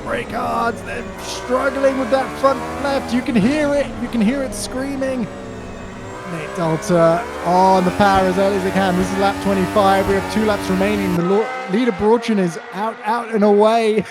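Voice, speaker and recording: Man, race commentator, high voice, excited, urgent, clipped play-by-play, loud music and engines behind. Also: moderate pace. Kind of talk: live sim racing play-by-play commentary.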